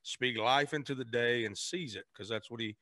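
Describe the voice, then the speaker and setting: A man's voice: medium pitch, normal speed, pushed and bright, no room sound. An earnest man with a drawl talks as a podcast guest, restarting his sentences as he goes. His voice sits mid-range. The recording is dry and close. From Memphis, Tennessee, raised in Arkansas. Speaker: guest, singer. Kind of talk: casual conversation.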